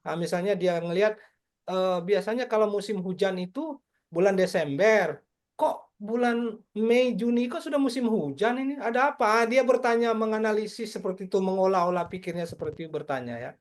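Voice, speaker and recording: A man's voice: high voice, brisk. A male lecturer explaining exam questions to students in an online class, repeating his points and tagging sentences with "ya". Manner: repetitive, tag questions with ya.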